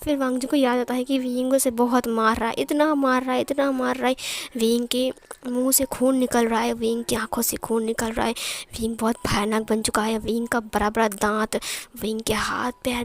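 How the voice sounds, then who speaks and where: High-voiced woman narrating a story. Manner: casual, repetitive storytelling. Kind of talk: fan fiction story narration. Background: faint music.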